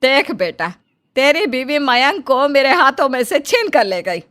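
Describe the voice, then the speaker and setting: A woman's voice: sits high, big pitch swings, unhurried, voice pushed up, full character voice. Woman doing a bossy, scolding mother-in-law. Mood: complaining. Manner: loud, scolding, dismissive. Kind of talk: cartoon storybook voice acting.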